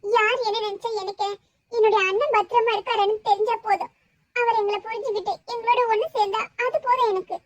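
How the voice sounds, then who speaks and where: An anxious young college girl in a cartoon, voiced very high by a woman. She talks earnestly, pleading for help. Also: fairly even intonation, brisk, poor audio. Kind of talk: cartoon voice acting.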